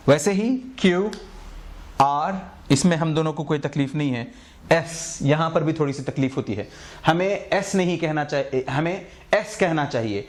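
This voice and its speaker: A man's voice: fairly high pitch, lively intonation. A man explaining English letter pronunciation in a lesson, patiently repeating each sound as a model. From India. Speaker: English teacher.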